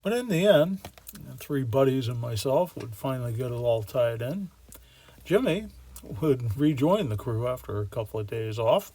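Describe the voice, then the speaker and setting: A man's voice: mid-range voice, expressive, normal speed, warm tone, husky. A man telling a work story in a folksy, wry way, using casual slang as a model railroad builder. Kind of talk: storytelling narration.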